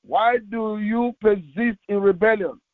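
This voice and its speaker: A pastor with a high-set voice gives a devotional sermon, reading scripture aloud slowly and solemnly in short, deliberate, halting phrases. The audio is thin, tinny and phone-like narrowband, with very little room sound and no echo.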